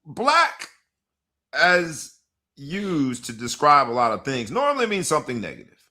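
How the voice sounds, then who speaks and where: A man's voice: fairly high pitch, wildly swooping pitch, unhurried, sharp tone. A man hosting a sports talk podcast, hyping the intro with dramatic announcer-style delivery. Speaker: podcast host.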